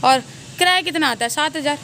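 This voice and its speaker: A woman's voice: high-pitched, quick pace, vocal fry, sharp tone, slight background noise. A woman vlogging to her viewers outdoors, gloating and laughing often as she talks. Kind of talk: casual vlog monologue. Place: outdoors, open weather around.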